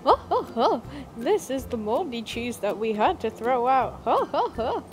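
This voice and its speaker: Skit: woman playing a gleeful chuckler, lively pitch, music clear behind. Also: measured pace, roomy sound.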